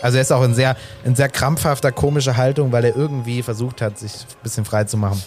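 A man's voice: medium pitch, fairly even intonation, fast talker, darkish tone, faint music behind. A man narrating as game master of a tabletop game, rambling and restarting often.

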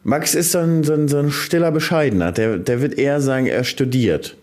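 A man's voice: medium pitch, a little fast, darkish tone. A man co-hosting a casual podcast, chatting easily about his farm work. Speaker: podcast co-host; farmer running a grain dryer. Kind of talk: casual chat.

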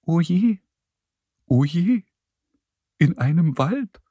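A man's voice: mid-range voice, animated, slow, dark tone, husky, no room sound, heavily acted. A man voicing a timid little blind mole in a children's audio story, whiny and fretful. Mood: anxious.

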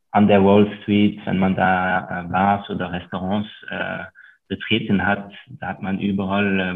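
On a podcast interview, a thirtysomething man from Luxembourg who invests and writes books answers with a low, gravelly, French-accented voice. His delivery is halting and full of ums, and the audio sounds tinny, like a phone call.

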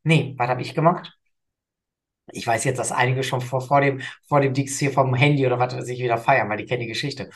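A man co-hosting a casual podcast, telling stories with lively acted-out voices. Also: medium pitch, a little fast. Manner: animated storyteller, acts out quoted voices. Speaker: podcast co-host. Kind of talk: casual chat, storytelling.

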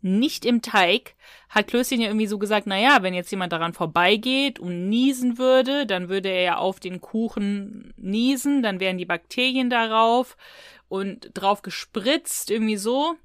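In a studio-quality recording without echo, a podcast co-host with a mid-range voice talks at a moderate pace. She rambles informally while reviewing audio dramas, retelling stories in casual speech.

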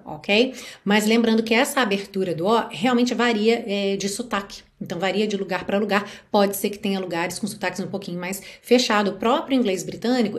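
A Brazilian woman with a slightly high voice teaches English pronunciation. She explains each sound patiently and repeats the words slowly and carefully. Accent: Brazilian Portuguese. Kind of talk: pronunciation lesson.

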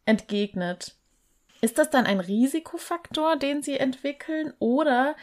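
A woman's voice: high-pitched, expressive, a little slow. A woman hosting a podcast interview, engaged and conversational, reading out listener questions. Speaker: podcast host.

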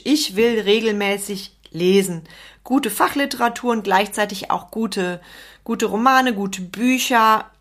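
A middle-aged woman delivers a motivational podcast monologue for entrepreneurs. She speaks straight to the listener with emphasis, circling back to repeat her main points. Her voice sits at an ordinary middle pitch. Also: fairly bright tone. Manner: emphatic, repeats key phrases, addresses listener directly. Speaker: podcast host and business coach.

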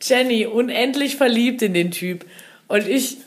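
A young woman co-hosting a podcast, telling stories in a giggly, excitable way. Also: a little high, a little slow, a little hiss or hum. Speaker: podcast co-host. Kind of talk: casual chat.

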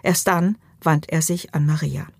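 A woman narrating an audiobook in a calm, even storytelling manner. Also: deep voice, unhurried, creaky, husky, no echo, clean studio sound. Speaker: audiobook reader.

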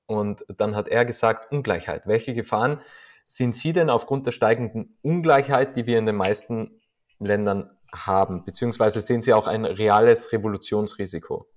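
A man's voice: lowish voice, moderate pace. A man hosting a podcast, asking questions and thanking his guest in a polite, formal way. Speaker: podcast host. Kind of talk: interview questions and outro.

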